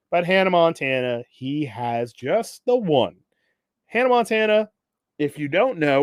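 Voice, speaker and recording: A young male podcast host chats through TV episodes in a relaxed recap, laughing regularly. When he quotes characters, he performs their lines animatedly, with big swings in pitch and loudness. The recording is dry and studio quality.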